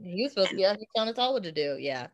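A woman chatting casually on a podcast, playful and quick to laugh. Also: mid-range voice, big pitch swings, no echo, dull audio. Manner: playful, laughing, acts out quoted voices.

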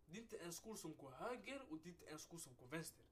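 This young man co-hosts a casual podcast and tells long stories with street slang, curses and acted-out bits of dialogue. His voice sits somewhat high for a man. There is faint ambient noise behind him. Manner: animated storyteller, mixes street slang and swearing. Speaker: podcast co-host. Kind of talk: casual chat. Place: podcast recording room.

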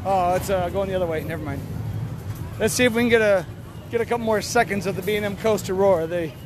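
Talking fast over music, a man with a squeaky, strained voice he's lost from yelling records a sweary, enthusiastic, opinionated amusement park podcast. He's on a handheld phone in the exit stairs and queues of an outdoor theme park, surrounded by busy crowd and ride noise.

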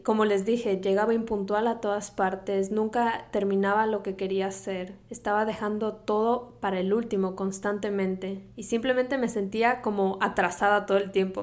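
Here a Quito-accented young woman, a health coach, delivers a solo monologue on her podcast. The voice sits in the mid range with a darkish tone, and she keeps things breezy and cheerful, laughing often and sprinkling in English.

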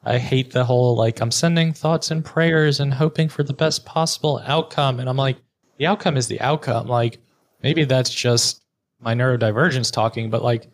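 Speaking at a normal speed in a mid-range voice, a middle-aged man answers questions in a conversational interview with blunt frankness and the odd curse. He is a podcast guest who works as a therapist and entrepreneur.

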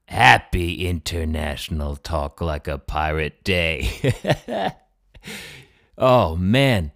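A man's voice: low-pitched, no echo, clean studio sound. A male singer-songwriter talking in a casual solo monologue, easygoing and chatty. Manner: easygoing, chatty self-promotion.

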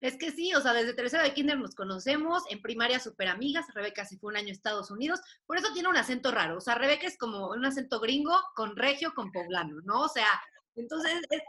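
A woman's voice: fairly high pitch, animated, fast talker, pushed and bright. A young woman hosting a podcast, bubbly and giggly, often repeating herself. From Mexico. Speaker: podcast host. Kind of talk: casual podcast chat.

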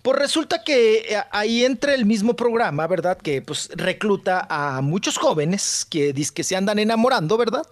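A man's voice: sits high, animated, moderate pace, hardly any pauses. A man with a Mexican accent who is a regular on a radio show, telling gossip in a flamboyant, teasing way. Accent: Mexican Spanish. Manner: flamboyant and teasing, calls others "chiquito". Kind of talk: comic gossip chat on radio.

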